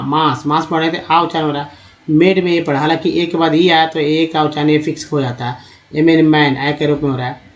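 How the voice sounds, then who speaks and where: Male teacher, slightly high voice, drawn-out repetitive phonics lesson. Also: highs cut off. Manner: slow, repeats words syllable by syllable; addresses viewers as friends. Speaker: English teacher.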